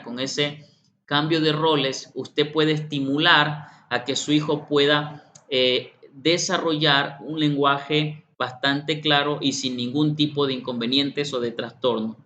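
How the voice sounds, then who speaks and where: A man's voice: fairly high pitch, pushed and bright. A middle-aged man presenting a workshop, often repeating himself and speaking directly to participants. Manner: repeats himself, addresses participants directly, acts out children's voices. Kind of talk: online workshop lecture. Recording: slightly muffled, faint background hum.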